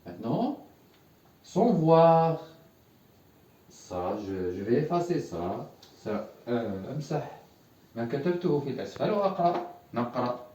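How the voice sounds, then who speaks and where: With a quick pace and a mellow, sing-song mid-range voice, an Arabic teacher patiently repeats words at the whiteboard for his learners to echo. The sound is lo-fi, distant and echoey.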